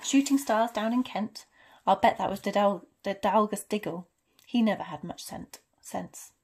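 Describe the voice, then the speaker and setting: A woman's voice: mid-range voice, normal speed, darkish tone, natural voice. A woman voicing a stern, proper witch professor from a storybook, clipped, emphatic and easily flustered. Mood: impatient, indignant. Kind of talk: storybook character reading.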